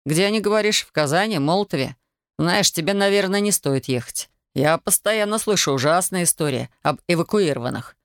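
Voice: mid-range voice, animated, brisk, dry recording, lightly acted. A reader voicing a tired, reluctant wounded young soldier, in a dry studio audiobook recording. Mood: weary. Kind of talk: audiobook character voice.

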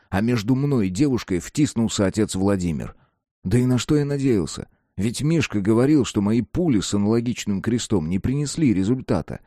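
A man's voice: fairly low pitch, dark tone, no room sound, clean studio sound. A man narrating an audiobook dramatically, acting out the dialogue. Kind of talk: scripted narration.

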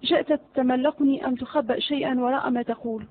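A short-tempered, menacing vizier, as a woman reads him in a spoken storybook. The voice sits high, and the sound is thin and narrow, as if over a phone line. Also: fairly even intonation, fast talker. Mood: impatient. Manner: impatient, menacing. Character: irritable threatening male vizier, older.

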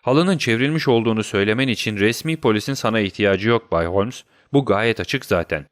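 A man's voice: fairly low pitch, a little fast, no room sound, clean studio sound, natural voice. A man voicing a smug, self-satisfied police inspector who talks in a boastful, patronizing way in a storybook reading.

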